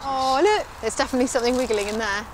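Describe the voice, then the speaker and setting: High-pitched enthusiastic woman presenting a nature documentary. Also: fast talker, slight background noise. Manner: exclamatory, enthusiastic. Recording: strong music bed behind the voice.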